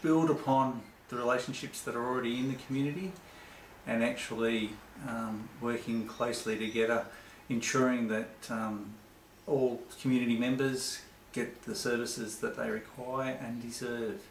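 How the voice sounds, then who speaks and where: A man's voice: medium pitch, fairly even intonation, moderate pace, a little hiss or hum. A man giving an earnest interview answer, hesitant with fillers. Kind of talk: casual spoken interview answer. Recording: echoey room.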